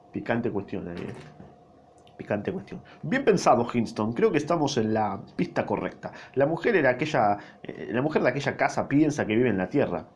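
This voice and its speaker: A man's voice: medium pitch, darkish tone, husky. Irreverent young man with a Rioplatense accent. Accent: Rioplatense Spanish. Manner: irreverent, crude jokes and swearing, breaks off to laugh. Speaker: reader. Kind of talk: casual reading of a novel aloud with commentary.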